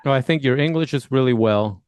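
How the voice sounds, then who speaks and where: A man's voice: mid-range voice, a little fast, darkish tone, smooth, no echo. A man hosting a podcast interview, asking rambling, friendly questions with frequent restarts. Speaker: podcast host.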